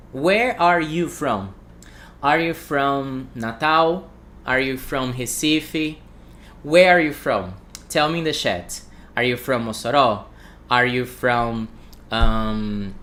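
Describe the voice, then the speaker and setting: Slow Brazilian man teaching English. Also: mid-range voice, fairly bright tone, a little hiss or hum. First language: Portuguese. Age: 30s. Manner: repeats phrases slowly, asks the chat questions. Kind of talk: livestream language lesson.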